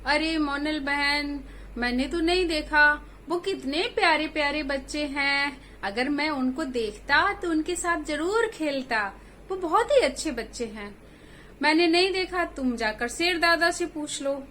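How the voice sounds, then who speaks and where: A kindly male cheetah voiced by a woman answers slowly and warmly reassuring. The voice rides high with faint hiss behind.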